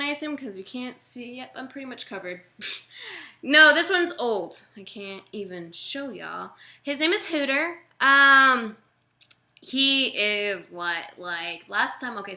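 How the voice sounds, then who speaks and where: Bright chatty young woman on a livestream. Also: on the high side. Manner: chatty and self-deprecating, laughs often; uses "y'all" and loose fillers. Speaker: vlogger answering viewer questions. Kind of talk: casual livestream chat.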